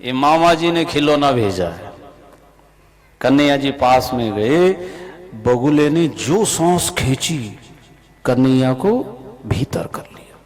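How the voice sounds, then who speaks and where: A man preaching a devotional scripture sermon to a live gathering, telling the story in an animated way and asking the audience questions. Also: mid-range voice, slow, pauses often. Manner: animated storyteller, acts out the characters' lines; asks the audience questions directly. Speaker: Bhagavat katha preacher.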